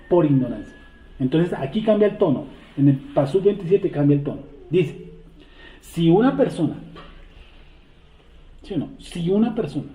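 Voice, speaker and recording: A man leading a scripture study class. He reads verses aloud and keeps asking the group rhetorical questions. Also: a little high. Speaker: Torah study teacher. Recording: tinny, echoey phone-like recording.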